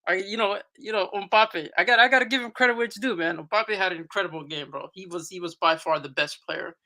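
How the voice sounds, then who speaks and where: High voiced guy chatting football casually, sharp tone, lots of slang, repeats stuff for emphasis. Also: brisk. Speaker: football pundit on a panel. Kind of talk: casual post-match analysis chat.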